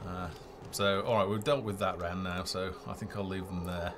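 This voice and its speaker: A game developer hosting a livestream gives live gameplay commentary, thinking aloud hesitantly. His voice sits low, with fairly even intonation and a normal speed, over a noisy background of game music.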